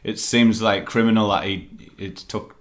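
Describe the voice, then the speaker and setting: A man's voice: fairly low pitch, fairly even intonation, normal speed. A man hosting a casual film review chat, rambling and hesitant with lots of fillers. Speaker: film reviewer, podcast host.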